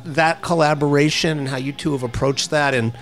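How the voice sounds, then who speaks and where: A man's voice: a little high, fairly even intonation, a little fast, faint music behind. A man hosting a casual interview, musing aloud and ending his points with a questioning "right?". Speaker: podcast host.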